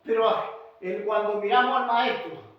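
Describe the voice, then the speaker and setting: A man with a Chilean accent preaching a fervent sermon, swinging from hushed asides to shouted, sung-out lines. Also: sits high, expressive, normal speed, very echoey, distant mic, highs cut off. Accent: Chilean Spanish. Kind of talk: Pentecostal-style sermon. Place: church hall.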